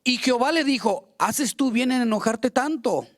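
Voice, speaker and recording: A man's voice: extremely high pitch, expressive, normal speed. A man preaching a fervent sermon as pastor, acting out quoted prayers and complaints.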